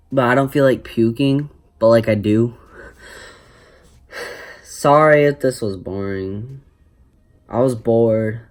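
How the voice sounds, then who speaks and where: A man's voice: mid-range voice, a bit bright. A young man rambling casually to his viewers in a jokey, self-deprecating, stop-start way, like a vlogger.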